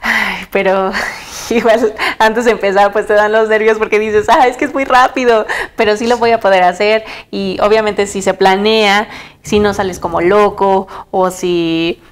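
A young woman with a Mexican accent, a runner in a casual interview, telling her races in a lively way and laughing often. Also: mid-range voice, a little slow. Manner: lively storytelling, quotes her own thoughts, laughs often.

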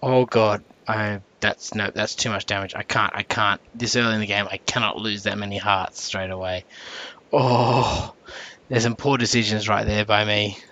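Bright-voiced man narrating his gameplay. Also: lowish voice, flat delivery, moderate pace. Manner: rambling with many fillers and self-corrections; jumpy reactions to in-game danger. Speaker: channel host. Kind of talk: casual gameplay commentary.

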